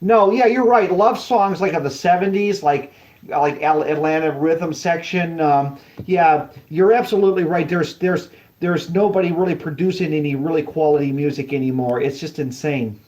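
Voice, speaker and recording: On a bad, muffled phone connection, this man keeps things casual and agreeable, rambling and repeatedly restarting sentences. He speaks at a moderate pace with a fairly high pitch, fairly even intonation, and a darkish tone.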